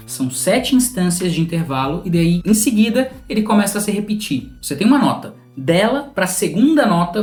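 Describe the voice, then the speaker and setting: Brief: Brazilian-accented music teacher, patient and methodical, reverberant room with a soft drone behind. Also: mid-range voice. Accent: Brazilian Portuguese. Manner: patient, methodical, speaks directly to the viewer. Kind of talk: explanatory music theory lesson. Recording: roomy sound with a faint instrumental drone.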